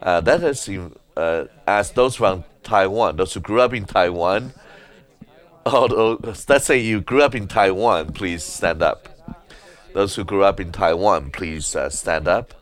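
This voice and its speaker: A man preaching at a conference in a meeting hall, halting often with filler sounds as he speaks. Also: sits low. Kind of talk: sermon.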